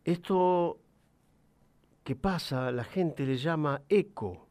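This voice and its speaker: A man voicing a gentle, wise father who patiently explains life to his young son in a soft, calm voice. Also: on the high side, slow. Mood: tender, wise.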